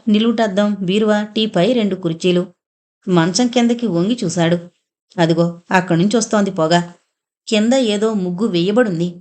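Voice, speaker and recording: A woman reading a horror thriller audio novel aloud, in a steady, dramatic storytelling manner. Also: medium pitch. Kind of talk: scripted horror narration.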